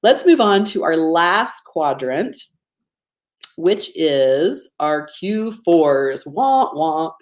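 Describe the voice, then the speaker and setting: Low-pitched woman with a Georgia accent, teaching casually. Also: expressive, drawn-out words. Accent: Georgia, US Southern. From Georgia, United States. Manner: chatty, self-deprecating, often checks in with listeners. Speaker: host of a live online productivity training. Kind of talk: informal webinar teaching with audience interaction.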